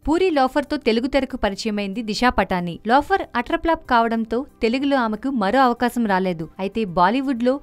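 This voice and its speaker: Fast, high-voiced woman reading film news. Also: animated, faint music behind. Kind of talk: scripted entertainment news narration.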